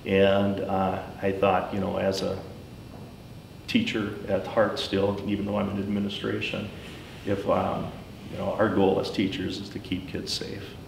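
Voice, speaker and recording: A middle-aged man giving a personal account in informal talk, speaking haltingly and pausing often mid-sentence. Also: completely flat delivery, creaky. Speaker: school superintendent, former teacher. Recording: roomy, distant mic, faint rumbling noise.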